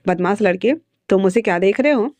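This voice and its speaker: A woman's voice: medium pitch, brisk, a little mellow, dry recording, close to an everyday voice. A woman voicing an elderly grandmother who sharply scolds and shoos away a troublemaker, in a spoken storybook. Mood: scolding. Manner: scolding, shooing.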